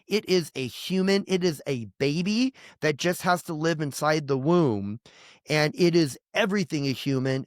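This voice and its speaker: On a podcast, a middle-aged pastor gives candid testimony about family and loss, speaking earnestly and emphatically until he grows heated and indignant. His medium-pitched voice comes through dry and clean, with studio-quality sound.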